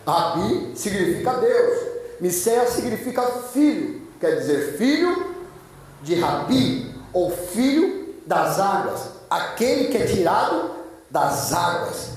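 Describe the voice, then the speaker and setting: A high-voiced pastor preaches fervently, hammering his points with repetition. His voice booms through a very echoey church, heard from far off the mic. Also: very animated, takes it slowly, slight background noise. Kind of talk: sermon.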